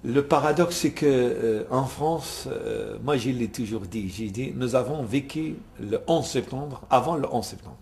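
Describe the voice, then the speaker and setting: Male organisation president, earnest halting interview answer. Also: mid-range voice, vocal fry, darkish tone. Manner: earnest, hesitant with many fillers.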